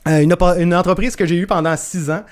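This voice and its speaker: A man with a Québécois French accent leads a live online masterclass, his voice sitting a little high for a man. He talks in a loose, chatty way, with plenty of fillers and restarts, and greets viewers by name. The sound comes through a video call. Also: steady tone, fast. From northern Quebec, Canada. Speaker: masterclass host. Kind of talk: live webinar presentation.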